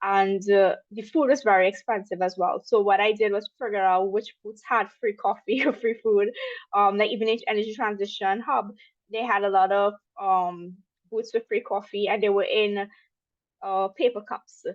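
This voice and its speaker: A woman's voice: medium pitch, fairly even intonation, moderate pace, dry recording, lo-fi sound. Chatty woman from Trinidad and Tobago. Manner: chatty, with frequent ums and asides. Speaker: webinar speaker. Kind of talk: conversational presentation.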